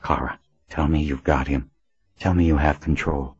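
A man's voice: very deep voice, fairly even intonation, moderate pace, slightly rough, no room sound, muffled recording, exaggerated voice. A male narrator voicing a tense, determined woman in an audiobook, speaking urgently and firmly. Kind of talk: audiobook character voice.

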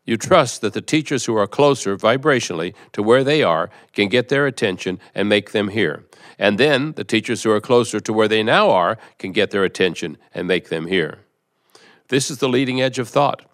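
Man reading as a calm wise spirit voice. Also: fairly low pitch. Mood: soothing. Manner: measured, explanatory, repeats "in other words". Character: calm spirit collective, patient wise teacher. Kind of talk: reading a seminar transcript aloud.

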